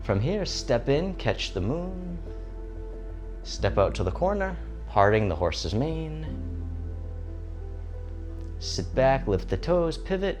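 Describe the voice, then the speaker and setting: A man giving serene, gentle tai chi instruction in short, soothing guided movement cues. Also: mid-range voice, very animated, slow, long pauses. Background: instrumental music.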